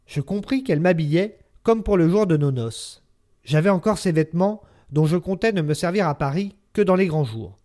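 A man reads classic fiction aloud in a measured, expressive narration. His voice sits somewhat high for a man. The delivery is that of a radio reading. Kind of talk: scripted literary narration.

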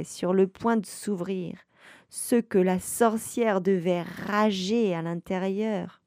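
A woman reads a tale aloud at an unhurried, deliberate pace, leaning into dramatic pauses and lively shifts of tone. Her voice sits at a middle pitch and is recorded close and dry, with no room sound around it. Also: no room sound. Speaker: storyteller. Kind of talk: expressive read-aloud storytelling.

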